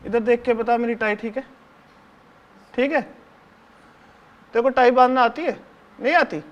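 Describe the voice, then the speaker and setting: A man's voice: very high voice, measured pace, muffled recording. A male actor performing a one-man stage play as a talkative seventh-grade schoolboy who bosses his classmates and fawns over his teacher. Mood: showing off. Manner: bossy, chatty, keeps hushing and ordering classmates; fawning toward the teacher, repeats "sir" constantly. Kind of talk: live solo stage acting, addressing the audience.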